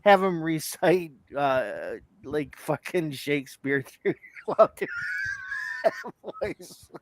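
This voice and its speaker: Lively, teasing man, laughs a lot. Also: fairly high pitch, slow, noisy background. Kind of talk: casual banter.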